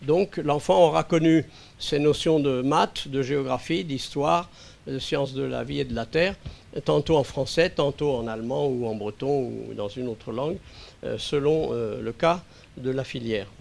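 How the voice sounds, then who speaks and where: A man speaking as an expert witness, explaining calmly and hesitating often with small chuckles. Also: mid-range voice, moderate pace, creaky. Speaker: linguist giving expert testimony. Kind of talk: lecture-style talk to a council. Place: meeting room.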